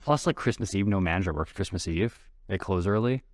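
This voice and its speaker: A man co-hosting a casual podcast, talking quickly and tripping over his words as he rambles. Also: sits low, animated, dry recording. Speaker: podcast co-host. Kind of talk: casual chat.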